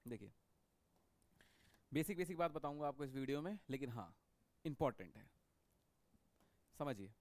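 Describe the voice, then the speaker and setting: A man's voice: medium pitch, expressive, normal speed, pauses often, no echo. A man teaching a biology lecture in a classroom style. He repeats key points and keeps checking that students follow him. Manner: repetitive, checks understanding with frequent "okay".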